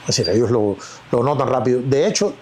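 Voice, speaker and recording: A man's voice: medium pitch, animated, fast talker, mellow. Cuban man telling his story. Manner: reflective, storytelling, many fillers. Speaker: actor, interview guest. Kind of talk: casual interview talk.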